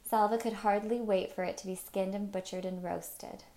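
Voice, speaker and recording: A woman reads a novel aloud as an audiobook narrator, calm and measured. Her voice is mellow and warm, neither high nor low, with a steady, unhurried delivery.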